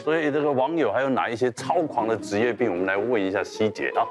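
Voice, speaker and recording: A man's voice: mid-range voice, music in the background. A middle-aged man co-hosting a studio talk show, bantering in a casual, chatty way. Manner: quick, chatty, easy banter. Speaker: co-host.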